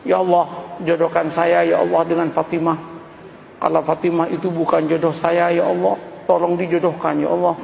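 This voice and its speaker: A man's voice: on the high side, little pitch movement, fairly quick, creaky, darkish tone, some chatter behind, slight background noise, pitched below the performer's own voice. Lovesick young man, voiced by a man, pleading, earnest, echoey lo-fi. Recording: roomy hall, dull lo-fi sound.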